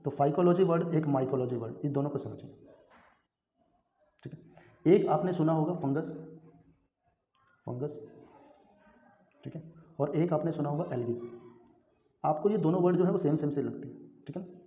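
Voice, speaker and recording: A man's voice: on the high side, normal speed, pauses often, dark tone. A male teacher giving an exam-prep lecture, who keeps asking questions and answering them himself and checks in often with his students. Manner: frequent "theek hai" check-ins. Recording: echoey room, dull lo-fi sound.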